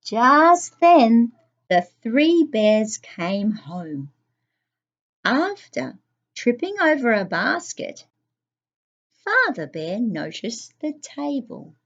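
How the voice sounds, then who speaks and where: Slow, lively woman reading a children's story. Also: fairly high pitch, lo-fi sound. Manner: asks young listeners questions, sing-song.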